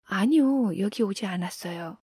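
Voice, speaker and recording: A woman's voice: mid-range voice, animated, moderate pace, mellow, breathy edge, no room sound, clean studio sound. A curious young widow, as a woman narrator puts her on. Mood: evasive.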